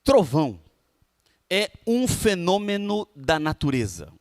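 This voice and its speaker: A man preaching a sermon in a Brazilian Portuguese accent, emphatic, with pauses and drawn-out words. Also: high-pitched, animated, no room sound, clean studio sound. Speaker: pastor.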